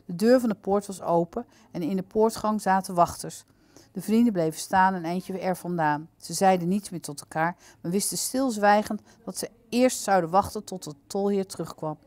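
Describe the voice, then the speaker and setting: Calm woman reading a storybook aloud. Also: medium pitch, moderate pace, no room sound. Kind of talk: reading aloud from a children's book.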